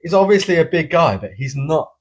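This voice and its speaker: Brief: man, podcast co-host, husky tone, lively swearing banter. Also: a little high, brisk. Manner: animated, swearing storyteller. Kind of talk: casual podcast chat.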